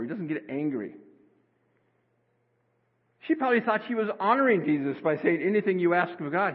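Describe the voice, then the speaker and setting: A man preaching a sermon as pastor, earnest and conversational, with sudden rises in pitch. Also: slightly rough. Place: church sanctuary. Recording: tinny phone-like sound, long hall reverb.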